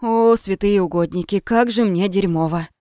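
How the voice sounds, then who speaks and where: A woman's voice: mid-range voice, normal speed, mellow, no room sound, studio quality, lightly acted. A woman voicing a hungover, crude bald man who groans and swears, in an audiobook reading. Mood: groaning.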